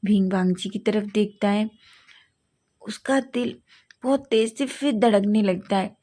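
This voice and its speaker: A woman's voice: mid-range voice, measured pace, dark tone. Woman telling a love story. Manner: stumbles and corrects herself often. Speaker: fanfiction narrator. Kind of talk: storytelling reading.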